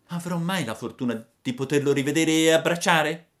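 A mischievous wooden puppet boy, as a male storyteller puts him on bursts out high and loud. He is impulsive and eager, stretching his words when he pleads. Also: moderate pace, lightly acted. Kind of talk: storybook reading.

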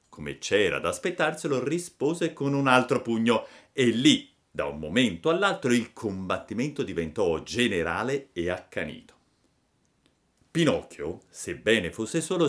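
A man calmly reading a classic children's story aloud as narrator. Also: on the low side.

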